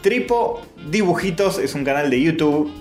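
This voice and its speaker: Podcast co-host: Argentine man in his thirties, loose and jokey, mid-pitch voice, roomy echo, faint music. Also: lively intonation, normal speed. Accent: Argentine Rioplatense. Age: 30s. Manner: loose, joking, enthusiastic recommending. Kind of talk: casual chat.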